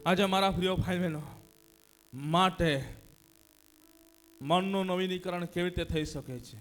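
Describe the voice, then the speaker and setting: A man preaching a sermon as pastor, leading the congregation in call and response, swinging between hushed passages and loud shouted cries of hallelujah. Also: high-pitched, a little slow, soft background music. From India. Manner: repeats phrases and cries hallelujah.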